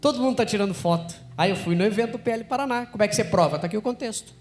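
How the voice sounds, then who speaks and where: A Brazilian man teaching public speaking live to an event audience, energetic, constantly quizzing the room. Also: sits high, very fast, soft background music.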